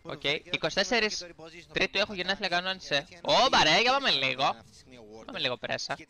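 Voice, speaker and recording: A young man, chatting rowdily on his stream and telling stories with lots of swearing. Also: high voice. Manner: rowdy, swearing, animated storytelling. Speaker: streamer reacting to his team's match. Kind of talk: casual stream chat.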